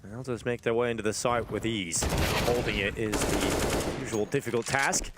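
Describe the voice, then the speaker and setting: A man's voice: on the low side, steady tone, moderate pace, very noisy. A man commentating on an esports match as a caster, in flowing, narrative sentences.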